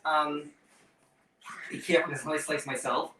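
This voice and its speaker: A man's voice: a little high, flat delivery, a little slow. A man from the northeastern United States hosting a casual cooking demonstration with campy, teasing drag-queen patter. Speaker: host leading a cooking segment. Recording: echoey, distant mic with loud background noise.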